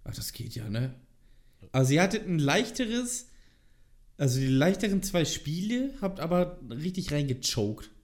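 A man chatting casually on a podcast, explaining things at length with lots of fillers and a lively, enthusiastic manner. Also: a little high, normal speed. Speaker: podcast co-host. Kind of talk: casual chat.

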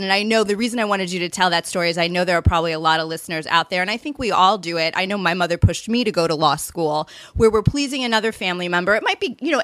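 A woman's voice: lowish voice, fairly bright tone, no echo. A woman hosting a podcast interview, asking questions in a friendly, encouraging way. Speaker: podcast host.

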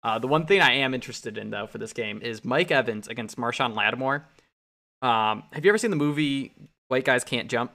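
A man's voice: mid-range voice, a little fast. A man co-hosting a casual sports betting chat, breaking down games and acting out quotes in a raised voice. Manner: animated, acts out quotes in raised voice. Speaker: podcast co-host.

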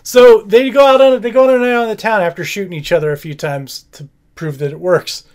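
High-voiced man rambling through a movie recap. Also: fairly even intonation, brisk, a little mellow. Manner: rambling, quotes scenes in silly voices. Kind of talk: casual movie recap chat.

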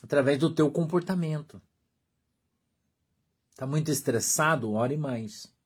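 Husky high-voiced Brazilian preacher. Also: male voice, a little slow. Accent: Brazilian Portuguese. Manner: emphatic preaching, repeating short phrases, drops to a hush. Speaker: pastor. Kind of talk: sermon.

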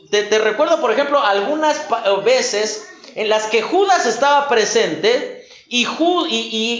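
A woman giving a Bible sermon, earnest and often putting questions straight to the listener. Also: fairly high pitch. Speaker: Bible teacher. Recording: roomy, dull lo-fi recording.

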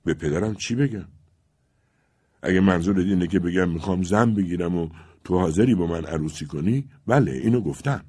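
A man voicing a young Cossack lad who pleads with his sweetheart in a loud, eager voice. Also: deep voice, husky, no room sound. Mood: earnest.

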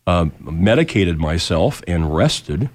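A very low-voiced American man hosts a casual radio program. He sounds nasal, still recovering from a lost voice, and talks in a halting, folksy way. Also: sing-song, no echo. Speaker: radio show host. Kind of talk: casual live radio talk.

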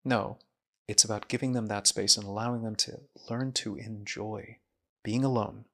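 A man's voice: lowish voice, fairly even intonation, moderate pace. A man, a guest speaking in an earnest, introspective way, with small restarts. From Saudi Arabia. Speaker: guest, mind researcher and coach. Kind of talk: reflective interview talk.

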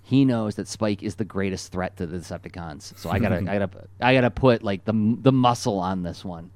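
A man co-hosting a podcast, chatting casually about a cartoon episode, excitable and quick to laugh. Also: on the low side, no echo. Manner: excitable, laughs often, animated asides. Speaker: podcast co-host.

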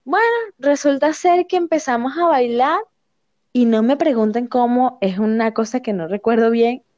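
A young Venezuelan woman tells a story in animated, slangy chat and laughs often. Her voice sits a little high. The recording is dry and a bit dull. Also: normal speed, dry recording.

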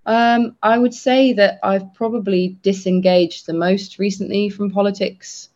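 A man co-hosting a podcast, talking earnestly and haltingly with many restarts. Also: sits high, fairly even intonation, a little mellow. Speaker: podcast co-host. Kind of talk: casual podcast chat. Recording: dull lo-fi sound.

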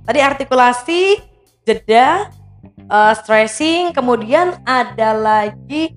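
A woman guest on a podcast chat, explaining speaking techniques in a relaxed, explanatory way and breaking into short demonstrations. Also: a little high, slow pace, soft background music. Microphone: podcast mic.

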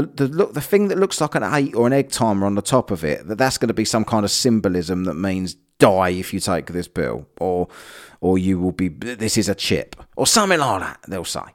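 Solo podcast host, man with a lowish voice, blunt and sweary. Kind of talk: casual solo commentary.

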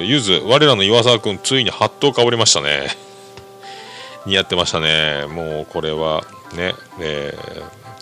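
A man hosting a podcast, rambling casually about music in a chatty, lively way. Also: low-pitched. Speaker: podcast host.

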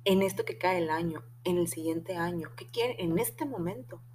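A woman's voice: fairly low pitch, moderate pace, darkish tone, a little hiss or hum. A young woman with a Mexican accent, telling a personal story on her podcast in a chatty, slangy way with the odd curse word. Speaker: podcast host. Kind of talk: casual storytelling monologue.

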